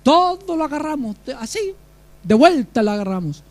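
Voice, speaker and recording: Guy preaching a sermon, really high voice, keeps asking the congregation stuff. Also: very animated, normal speed, darkish tone. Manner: emphatic preaching, questions to the congregation. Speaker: pastor.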